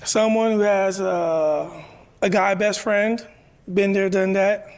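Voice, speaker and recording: Relaxed man in his thirties, hesitant. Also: sits high, takes it slowly. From North Carolina. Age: 30s. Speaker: dating show contestant. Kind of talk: casual chat.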